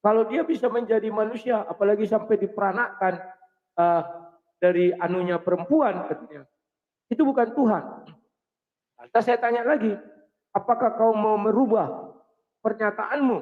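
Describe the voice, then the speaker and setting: A man hosting his own channel, talking casually to his listeners as friends and clearing his throat often. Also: high voice, normal speed, long pauses. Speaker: channel host. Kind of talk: casual spoken monologue. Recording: tinny phone-like sound.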